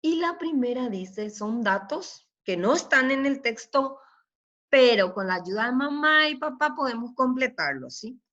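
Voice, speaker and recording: A woman teaching young pupils, speaking very slowly and patiently in a slightly high voice. She keeps checking that the children follow and praises them often. The audio is a little dull and lo-fi. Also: expressive, a bit bright. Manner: slow, patient, checks in with "¿sí?" and "¿ok?" constantly. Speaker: primary school teacher. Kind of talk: recorded remote lesson.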